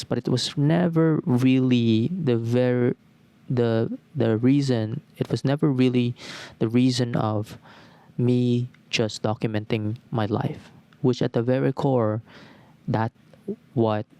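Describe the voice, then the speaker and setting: Young male podcaster, mid-pitched, thoughtful solo monologue with phrases stacked in lists. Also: darkish tone, smooth, no room sound. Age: 20s. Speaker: podcast host. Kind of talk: reflective solo talk.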